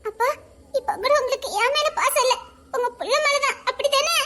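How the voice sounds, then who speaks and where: A woman's voice: extremely high pitch, a little fast, pushed and bright. A woman with a Tirunelveli Tamil accent playing a sulky young pregnant wife, reproachful and half-laughing.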